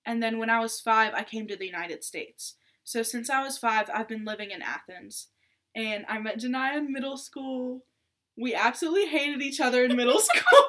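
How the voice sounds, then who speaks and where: This is a seventeen-year-old girl, born in Iraq, co-hosting a casual podcast. She chats with plenty of fillers and giggles in a high-pitched voice with a sharp tone.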